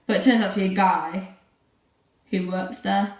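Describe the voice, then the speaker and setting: A teenage girl vlogs, chatting casually to the camera in a rambling way packed with fillers. Her voice is medium-pitched, with fairly even intonation at a moderate pace, and the recording sounds roomy, captured from a distance.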